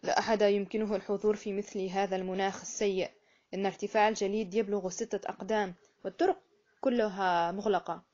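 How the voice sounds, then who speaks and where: A woman voicing a young man running a guesthouse who speaks in a gruff, dismissive way, on a muffled recording. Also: mid-range voice, fairly even intonation, fast, a little mellow, natural voice.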